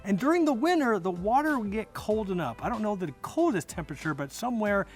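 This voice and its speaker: American male vlogger, slightly high voice, casual emphatic storyteller, faint music underneath. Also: very animated, fast talker. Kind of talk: casual personal storytelling to camera.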